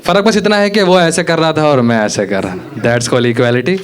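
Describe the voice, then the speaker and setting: A man's voice: on the high side, fairly even intonation, moderate pace. Young male stand-up comedian, storytelling tone, stage mic, live theatre crowd noise behind him. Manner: conversational storytelling, acting out dialogue. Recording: live venue with loud audience noise. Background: audience laughter.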